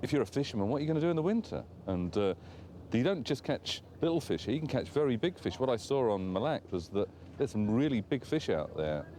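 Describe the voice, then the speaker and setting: A man's voice: medium pitch, very animated, fast, dark tone, slight background noise. A man, a visiting travel writer, chatting casually in an outdoor interview and rambling through plenty of fillers. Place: outdoors on a frozen lake.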